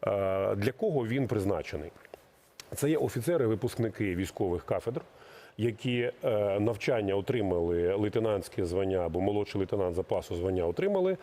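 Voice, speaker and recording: Speaking on the low side with a mellow, animated voice, a middle-aged man who works as a military recruiting official fields interview questions. He explains things in a measured manner, with frequent hesitations.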